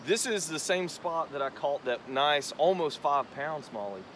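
Here the young man's voice is a little high, fairly bright and lively, with slight background noise from the rushing river. He hosts a fishing vlog, casting from the bank and casually explaining his technique to a tripod camera set at a distance.

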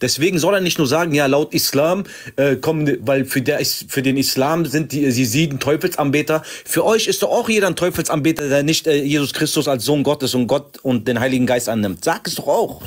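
A man defending his faith in a heated online group debate, insistent and quick to interrupt. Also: fairly high pitch. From Germany.

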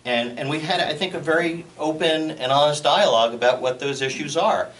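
A man on a school board addressing a public meeting, careful and halting, repeating words as he goes. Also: on the high side, a bit bright. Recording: distant mic, faint noise.

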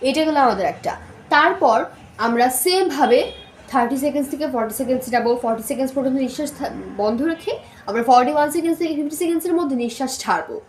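A woman teaching spoken recitation, sounding out syllables and tongue twisters slowly and mixing in English words. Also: high voice, lively intonation. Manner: slow, syllable-by-syllable demonstrations mixed with English words. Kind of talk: spoken recitation lesson with drills. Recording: echoey room with faint noise.

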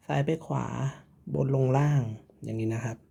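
A man's voice: medium pitch, fairly even intonation, normal speed, creaky, mellow, breathy edge, highs cut off. A man teaching a writing lesson, patiently repeating each syllable and stroke order. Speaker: Japanese teacher. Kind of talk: slow step-by-step writing lesson.

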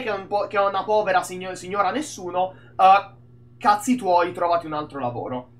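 A man from Italy streaming an indie game, rambling and swearing casually as he talks through it. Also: high voice. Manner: animated, rambling, swears a lot. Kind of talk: casual gameplay commentary.

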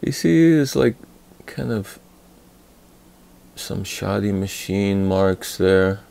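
A man with a dark, mellow, somewhat gravelly voice talks through a hands-on tool review. He speaks very slowly and unhurriedly, pausing often with fillers and restarting his sentences. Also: on the low side, animated. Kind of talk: casual hands-on product review.

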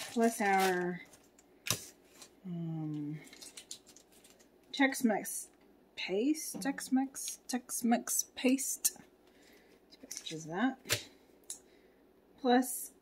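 Slow-talking woman chatting while she cooks. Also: mid-range voice, slight background noise. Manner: chatty, talks to herself and viewers while cooking; reads recipe steps aloud. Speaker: home cook reviewing a meal kit. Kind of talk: casual cooking vlog chat. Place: home kitchen.

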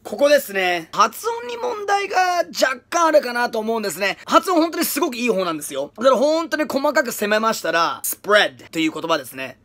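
Lively, bright-voiced male language commentator. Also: extremely high pitch, fairly quick, few pauses. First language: English. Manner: energetic, playful, breaks into demonstration readings. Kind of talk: casual language-analysis commentary.

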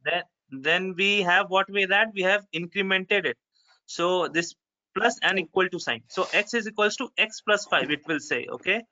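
This is a male teacher with a North Indian accent and a sharp, fairly high voice. He explains step by step in an informal way and often checks with an okay or right. The audio is a little dull, as on an online call. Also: moderate pace. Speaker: programming teacher. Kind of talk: informal step-by-step screen-share tutorial.

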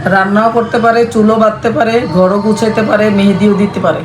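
Middle-aged woman, hoarse, nagging mother-in-law in a playful home skit. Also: mid-range voice, little pitch movement, brisk, noisy background. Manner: scolding and nagging in character, then chatty. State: hoarse from shouting. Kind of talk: playful staged family skit.

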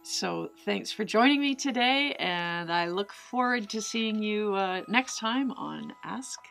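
Faint music sits behind a middle-aged woman talking slowly at medium pitch, her voice gravelly and heavy with fry. A cave diver replying to viewer questions, she recounts a diving story to the camera from close to the mic, indoors by a brick wall, animated and chatty, with both hands gesturing and plenty of fillers.

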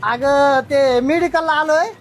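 Brief: woman as rustic drunk husband, high voice, comic skit, music bed. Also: takes it slowly. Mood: evasive. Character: drunken husband, boastful then remorseful. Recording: loud background music.

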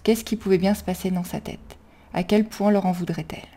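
Mellow-voiced woman reading a story. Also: medium pitch, steady tone, fairly quick. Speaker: reader of her own fan fiction. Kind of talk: storybook narration.

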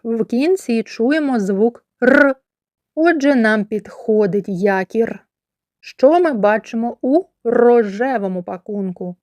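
Woman, kindergarten teacher, very slow deliberate delivery, repeats sounds, dry close recording. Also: medium pitch, darkish tone, no echo. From Ukraine. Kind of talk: slow, clearly articulated lesson for young children.

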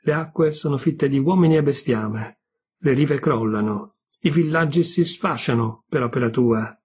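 A man's voice: mid-range voice, moderate pace, a little mellow, breathy edge. A man reading aloud as a cheerful young male god in a storybook tale. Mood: gentle. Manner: laughing, tender reading voice.

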